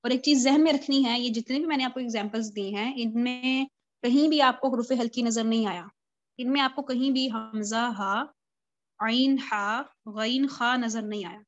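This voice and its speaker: A woman with a high voice leads a live online class on Quran recitation. She works through each point patiently and keeps asking her students questions. The audio is dull and lo-fi, like a video call recording. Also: steady tone, moderate pace. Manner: patient step-by-step explaining, poses questions to students.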